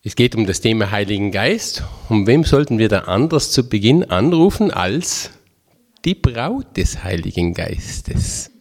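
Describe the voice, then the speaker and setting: A man in his fifties, a religious brother from Tyrol, Austria, talks to a group about spiritual matters in a homely, chatty way, using dialect phrases and self-deprecating humor in a Tyrolean accent. His voice is on the low side and a little mellow, very animated yet unhurried.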